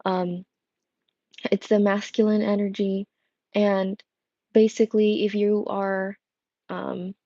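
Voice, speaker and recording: This young woman's mid-range voice has a dark tone and comes through a worn, strained throat as she chats on a casual tarot livestream, rambling with lots of fillers and restarts. She's in a home room with a coffee machine, using an earbud headset mic. There's no echo, but the highs are cut off.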